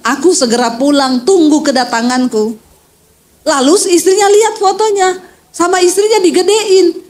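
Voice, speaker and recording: A woman pastor giving an animated storytelling sermon at an outdoor gathering, speaking straight to the crowd. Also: very high voice. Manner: animated, acts out quoted voices, addresses the crowd directly.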